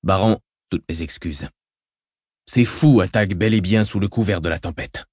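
A man's voice: normal speed, darkish tone, slightly rough, dry recording, studio quality. Man voicing a stern, haughty emperor. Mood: cold, commanding. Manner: low, cold, clipped commands. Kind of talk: audiobook character reading.

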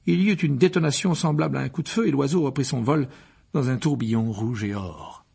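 A man's voice: medium pitch, fairly quick, gravelly, darkish tone, husky. A man reading a fantasy novel aloud as narrator, telling it expressively and rising with the action. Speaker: audiobook narrator.

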